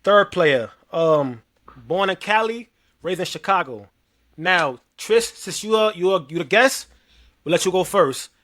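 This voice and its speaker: A man's voice: sits high, expressive, unhurried, pushed and bright. A man co-hosting a casual podcast chat, explaining a game loosely and repeating himself as he goes. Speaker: podcast host.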